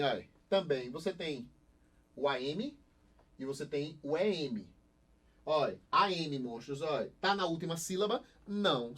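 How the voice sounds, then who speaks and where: Brazilian guy teaching portuguese online, kinda high voice, keeps asking the class stuff then answering it himself. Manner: lively, asks the class questions and answers them himself. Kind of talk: recorded online class lecture.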